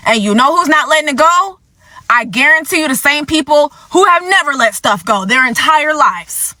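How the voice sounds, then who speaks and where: A woman's voice: sits high, pushed and bright, no room sound. A woman hosting a vlog, delivering impassioned commentary in a blunt, angry, profane way, repeating points for emphasis and fighting back tears. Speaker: vlog host.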